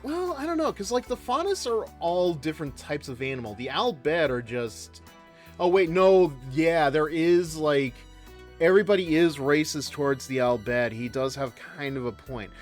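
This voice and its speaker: Casting: male game streamer, lively intonation, casual, meandering, hesitant chat. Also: a little high, moderate pace, faint music behind. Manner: rambling, hesitant, conversational. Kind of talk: casual live commentary and chat.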